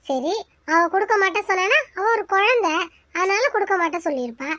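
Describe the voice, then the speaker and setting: A woman voicing a quarrelsome mother who scolds loudly in defence of her daughter. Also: expressive, fast, no room sound. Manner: shrill, scolding, picks fights. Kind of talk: cartoon voice acting.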